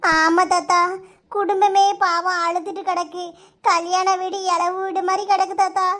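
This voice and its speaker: Woman doing very high-pitched excitable village ladies, kanyakumari tamil accent, cartoon. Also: normal speed. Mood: anxious. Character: high-voiced village women, grandmother and mother.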